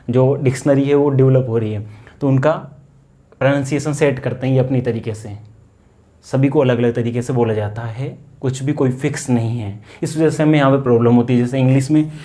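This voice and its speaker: Warm and mid-range, this man's voice carries an Indian accent as he runs an English grammar lesson in classroom fashion. Key words get repeated, and he supplies the answers to his own questions.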